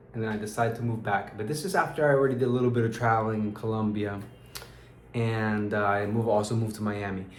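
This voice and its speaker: Speaking in a mid-range, somewhat dark voice, this young Peruvian man with an American accent records a casual evening vlog. He sounds worn out, keeps starting over mid-sentence, and peppers his talk with "bro" and "dude," all in an echoey room with faint background noise.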